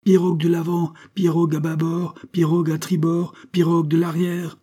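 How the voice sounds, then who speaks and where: A man reading a story voices a calm, keen-eyed English sailor who speaks firmly and calls out warnings. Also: a little high, normal speed, voice pushed up, natural voice. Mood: calling out. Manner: calm and firm, raised to a call.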